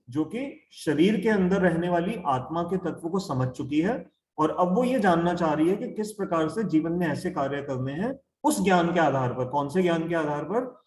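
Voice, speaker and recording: A man teaching an online scripture class, explaining slowly and repeating key terms, asking questions and answering them himself. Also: a little high, a little mellow, reverberant. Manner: asks and answers his own questions. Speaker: Gita teacher. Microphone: video call.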